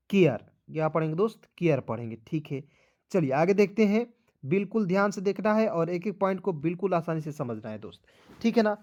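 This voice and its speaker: High-voiced man teaching spelling drills. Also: a little mellow, dull audio. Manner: repetitive, drilling, asks questions back to viewers. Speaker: English teacher. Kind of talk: spoken spelling lesson.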